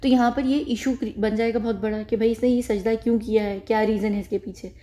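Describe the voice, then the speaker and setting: A YouTube commentator talks casually to her viewers on camera, rambling, repeating phrases and correcting herself along the way. Her voice is on the high side, warm and steady, and she speaks quickly.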